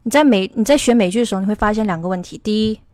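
Brief: chatty woman teacher from China, mid-pitched, dry close sound, loose explanatory talk. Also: very fast, darkish tone, dry recording. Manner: rambling, explanatory. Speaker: English teacher. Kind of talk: casual online lesson.

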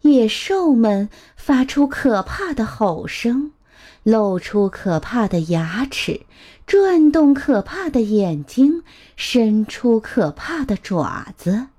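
A woman storyteller reading a picture book aloud to children, gentle and expressive. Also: a little high. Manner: gentle, expressive, drawn-out phrasing.

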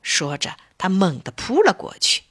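一位女士以富有表现力、从容的语气讲述儿童故事。. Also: female voice, medium pitch, husky, no echo, studio quality. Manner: expressive, deliberate. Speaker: storyteller. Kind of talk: children's story narration.

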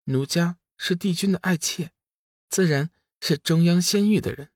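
A man's voice: high-pitched, moderate pace, darkish tone, no room sound, studio quality, pitched above the performer's own voice. A man voicing a seductive, flirtatious fairy concubine in a raised, wheedling voice. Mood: coy. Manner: coy, wheedling.

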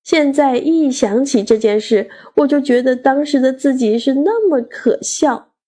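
Husky-voiced woman reading a story. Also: high voice. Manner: expressive, measured reading. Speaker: reader. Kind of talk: storybook reading of a school essay.

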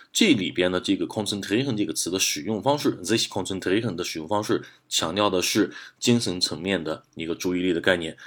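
Guy explaining german words step by step, deep voice, kinda husky. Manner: methodical, repeats and rephrases points. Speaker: German teacher. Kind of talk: explanatory lesson.

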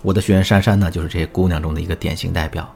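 A man's voice: low-pitched, fairly even intonation, racing, vocal fry, a little mellow, breathy edge. A man teaching as a relationship coach, telling a student's story in a scripted lesson and speaking directly to the listener. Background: faint background music.

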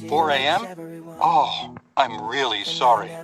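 Man as caller from abroad, apologetic, clear textbook delivery, music underneath. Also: medium pitch, takes it slowly, natural voice. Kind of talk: textbook dialogue recording. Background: background music.

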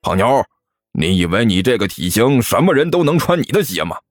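A man's voice: fairly low pitch, big pitch swings, brisk, no echo, voice pushed down. A man voicing a bumbling male street robber who blusters and stammers in an audiobook story. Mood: blustering. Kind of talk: storytelling character voice.

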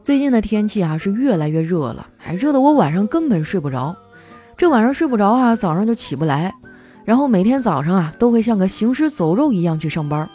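Chatty woman telling office stories, mellow voice, bouncy pitch, faint music behind. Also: big pitch swings, brisk. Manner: chatty, playful, acts out quoted coworkers. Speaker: host. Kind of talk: comic storytelling monologue.

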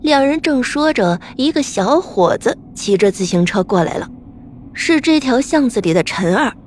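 A woman narrating a story in a lively, expressive way. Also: a little high, normal speed, a little hiss or hum. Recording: faint background music.

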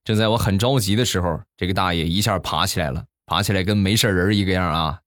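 A man hosts a comedy show, spinning jokes and anecdotes with a playful, lively delivery. His voice sits low. The sound is dry and close, with no room echo. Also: quick pace. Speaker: podcast host. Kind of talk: comic storytelling.

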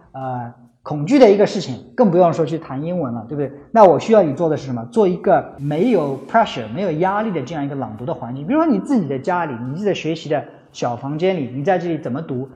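A man's voice: fairly high pitch, a little mellow. A middle-aged man from China giving earnest, casual advice on learning English, often slipping English phrases into his talk. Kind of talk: casual spoken lesson. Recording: faint music behind.

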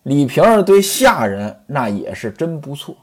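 A male storyteller in a traditional style, turning to his listeners as he narrates. His pitch sits a little high and swings about lively, with a husky grain throughout. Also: unhurried.

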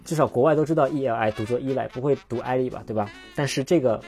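A man's voice: mid-range voice, fast talker, darkish tone, faint music behind. A man hosting a casual solo podcast, rambling and correcting himself as he looks things up while he talks. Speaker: podcast host.

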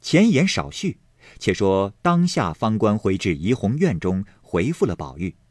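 A man narrating a classic novel, reading with a dramatic, expressive delivery. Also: on the low side, a little slow, no room sound, clean studio sound.

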